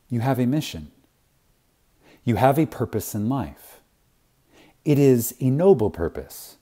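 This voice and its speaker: Reading an inspirational spiritual talk, this man uses a lowish, dark voice with a breathy edge. His delivery is reverent and dramatic, full of long pauses and strong emphasis.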